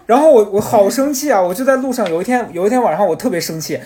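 A man telling a rambling, animated story in casual podcast chat. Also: high voice, fast.

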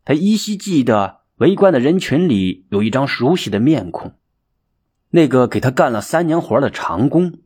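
A male storyteller narrates a folk tale with dramatic expression and a lively, wide-ranging voice. His tone is husky and breathy at a middle pitch. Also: normal speed. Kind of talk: audiobook storytelling.

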